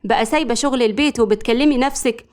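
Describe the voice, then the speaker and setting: A sarcastic, scolding mother with an Egyptian accent, played by a woman narrator. She mocks her daughter in a raised, brisk voice. A sharp-tongued storybook mum. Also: fairly high pitch, close to an everyday voice. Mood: mocking. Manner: mocking, scolding.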